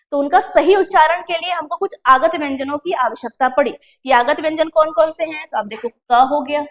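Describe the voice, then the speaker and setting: High-voiced woman teaching Hindi pronunciation. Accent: Chhattisgarh Hindi. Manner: explains step by step, asking and answering her own questions; slows to drawn-out pronunciation drills. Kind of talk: exam-prep classroom lesson.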